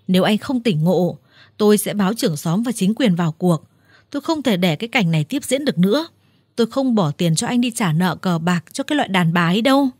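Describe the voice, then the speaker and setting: A woman voicing a furious older village woman who scolds her brother in a harsh, shouting manner. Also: medium pitch, dry recording, studio quality, natural voice. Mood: cold threatening.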